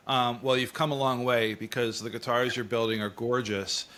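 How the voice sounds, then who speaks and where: A man's voice: medium pitch, little pitch movement, moderate pace, fairly bright tone. A man hosting a casual interview, chatting and asking questions. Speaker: interview host.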